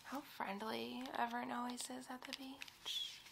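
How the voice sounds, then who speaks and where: A woman whispering softly and slowly in an ASMR video, with tapping sounds on a coconut. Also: a little high, little pitch movement, gravelly, background noise. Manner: soft whispering, slow and soothing. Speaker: ASMR creator. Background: tapping and rubbing on a coconut.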